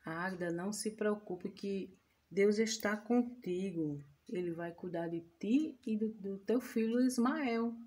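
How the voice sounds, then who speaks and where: A woman voicing a gentle angel who reassures a weeping mother. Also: medium pitch, unhurried, lightly acted. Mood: reassuring. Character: gentle comforting angel sent by God.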